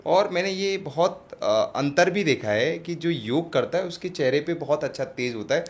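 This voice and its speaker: A man's voice: a little high, animated, moderate pace. A man hosting an interview, politely asking questions and giving frequent short acknowledgments. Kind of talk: interview host.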